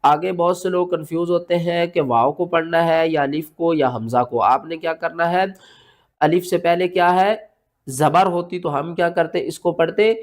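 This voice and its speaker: A man teaching Quran pronunciation step by step, spelling words letter by letter and chanting the verses slowly, asking and answering his own questions. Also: a little high. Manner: patient, explanatory, asks questions and answers them himself.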